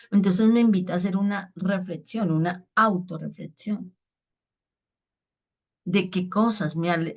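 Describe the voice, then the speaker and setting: Earnest woman preacher, low voice. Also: vocal fry. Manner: earnest, asks "¿sí?" to check on listeners. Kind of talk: spoken reflection on the daily gospel.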